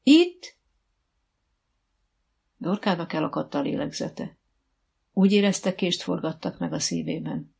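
A woman narrating a children's audiobook in steady, warm storytelling. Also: fairly low pitch, gravelly, husky. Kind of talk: scripted narration.

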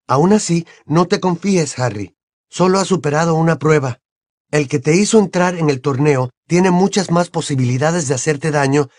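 A man's voice: a little high, a little mellow, no room sound, voice pushed up, close to an everyday voice. A man voicing a teenage boy wizard who talks in a dry, slightly exasperated way. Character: teenage boy wizard, wry and a little defensive.

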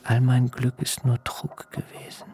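An actor playing a shaken young bridegroom in a radio drama, musing in a hushed, gravelly voice. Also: male voice, medium pitch, completely flat delivery, a little slow, a little hiss or hum, lightly acted. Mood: bewildered musing. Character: young man, a shepherd bridegroom, shaken and bewildered.

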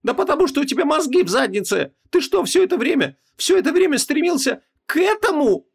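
A man voicing a desperate, furious young wife in an audiobook, his voice pushed high and shrill as she pleads and yells. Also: fairly quick, vocal fry. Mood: furious yelling. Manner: shrill, pleading turning to yelling.

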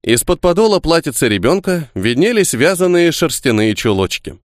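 Man narrating a story in a lively voice. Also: a little high, moderate pace, no echo, clean studio sound. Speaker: audiobook narrator. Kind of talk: scripted narration.

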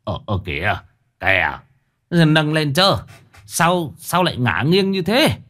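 A man's voice: low-pitched, moderate pace, sharp tone, pitched below the performer's own voice, exaggerated voice. Man doing a stammering panicked pallbearer. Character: panicked young male pallbearer, straining.

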